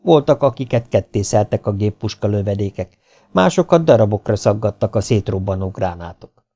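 A man reading an audiobook in a steady, measured narration. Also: lowish voice.

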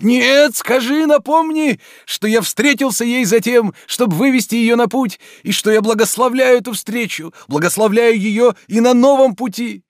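A man voicing a gentle, idle nobleman who is emotional, gushing and easily moved to tears. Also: extremely high pitch, normal speed, few pauses, no echo, clean studio sound, pitched above the performer's own voice. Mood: overjoyed. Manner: excitable, tearful, gushing.

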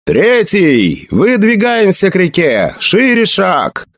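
A man voicing a young male guard captain who shouts commands to his troops. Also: high voice, sing-song, quick pace, pitched above the performer's own voice. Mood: shouting orders. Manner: shouts orders.

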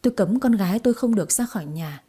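Husky female storyteller, low-key mellow tone, steady scripted narration. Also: quick pace.

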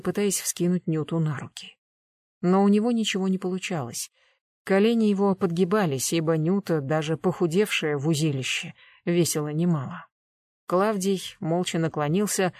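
A narrator reading a novel aloud at an even, steady pace. The recording is close and dry, with no room sound. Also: medium pitch, dry recording. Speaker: audiobook narrator. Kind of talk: scripted narration.

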